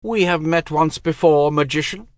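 A man's voice: a little high, normal speed, no echo, voice pushed up, close to an everyday voice. A man voicing an icy goddess of death. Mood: icy, solemn. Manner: cold, solemn pronouncements.

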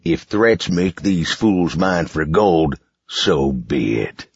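Storybook villain, sneering mine boss read by a man, deep slow drawl, muffled sound. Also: expressive, breathy edge, no echo, exaggerated voice. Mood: menacing. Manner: slow, gloating, menacing. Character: scheming, sneering male mine boss, adult. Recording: dull, muffled recording.

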